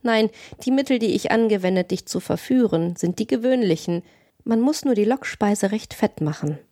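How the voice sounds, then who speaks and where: A woman voicing a cynical, menacing male criminal in a calm, domineering audiobook reading. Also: mid-range voice, normal speed, no echo, studio quality, close to an everyday voice. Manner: cold, domineering.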